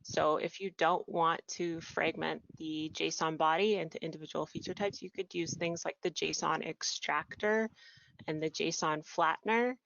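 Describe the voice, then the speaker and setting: A woman with a low voice speaks on a webinar, pausing often with ums as she explains. The audio is dry and a bit muffled, like a video call. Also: steady tone, vocal fry, a bit bright, no echo. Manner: hesitant, many ums. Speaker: support specialist.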